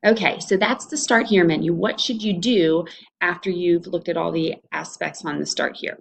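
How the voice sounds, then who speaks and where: Her creaky voice runs fairly low and unhurried, at a moderate pace. This Ohio Valley–accented American woman is a college instructor showing students around an online course through an informal screencast, explaining as she goes in a conversational way.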